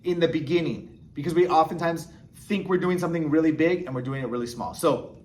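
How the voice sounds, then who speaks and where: Guy teaching a beginner class, kinda high voice, chatty, keeps going "okay? right?". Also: brisk, a little mellow, a little hiss or hum. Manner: encouraging, chatty, frequent "okay?" and "right?" checks. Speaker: sign language teacher. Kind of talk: casual instructional explanation.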